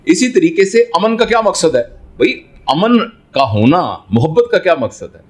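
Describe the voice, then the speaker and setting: A man's voice: high-pitched, big pitch swings, husky. Doctor guy on an interview, voice rises and falls a lot, talks like a dad with lots of examples. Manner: explains through everyday examples and rhetorical questions; fatherly, addresses listener as son. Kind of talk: reflective interview answer.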